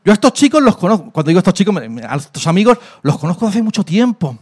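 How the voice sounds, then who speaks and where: A man's voice: high voice, big pitch swings, rapid-fire, a little mellow, slightly rough. A man with a Spain Spanish accent preaching in a church and giving a personal testimony, emphatic, asking questions and answering them himself. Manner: emphatic, asks and answers his own questions. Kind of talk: sermon testimony. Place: church hall.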